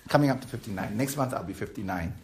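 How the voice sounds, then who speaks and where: A man's voice: on the low side, fast, echoey room. A man, preaching a sermon as pastor in a conversational way and putting questions to the congregation. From Malaysia. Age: 50s. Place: church.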